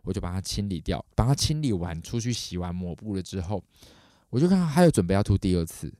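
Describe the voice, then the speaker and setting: Fast-talking man, storytelling. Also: no room sound, studio quality. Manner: animated, acts out quoted voices with big pitch jumps. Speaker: podcast host. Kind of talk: casual storytelling.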